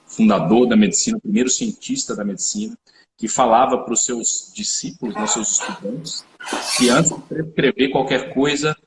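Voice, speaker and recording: Guy explaining stuff on a video call, mid pitch, roomy echo. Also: sing-song, normal speed, gravelly. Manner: explanatory, lecturing, many tag questions. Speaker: researcher and supplement company founder. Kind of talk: live-stream health conversation. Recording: echoey room with faint background noise.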